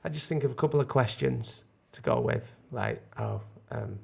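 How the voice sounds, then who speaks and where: A man's voice: medium pitch, wildly swooping pitch, a little fast, vocal fry, breathy edge. A British man co-hosting a podcast in casual, jokey conversation. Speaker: podcast co-host.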